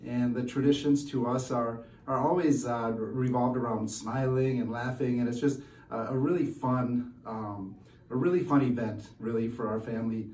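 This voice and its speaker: A man's voice: medium pitch, fairly even intonation, normal speed, a little mellow, distant mic, slight background noise. Hesitant man in echoey room. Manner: hesitant, many ums and restarts. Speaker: guest. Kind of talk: casual chat.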